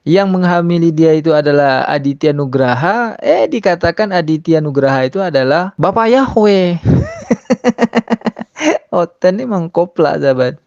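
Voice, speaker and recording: A man delivers religious commentary in a preachy tone, often turning to his listeners and chanting verses slowly. His delivery breaks into mocking laughter now and then. The recording is dry and a little dull. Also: on the high side, lively intonation, vocal fry, a little mellow, no echo.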